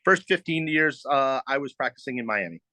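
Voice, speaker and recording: A man's voice: mid-range voice, lively intonation, fairly quick, bright, forceful tone, dry recording. A middle-aged man, a real estate agent, explaining at ease with fillers as a podcast guest. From United States. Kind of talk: podcast interview.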